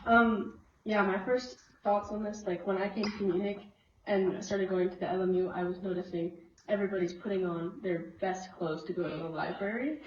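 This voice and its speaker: A woman's voice: mid-range voice, fairly even intonation, moderate pace. A young woman from Minneapolis, a student being interviewed, chatting casually with many fillers. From Minneapolis, USA. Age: young adult. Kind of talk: casual chat. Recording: roomy, distant, dull, faint noise.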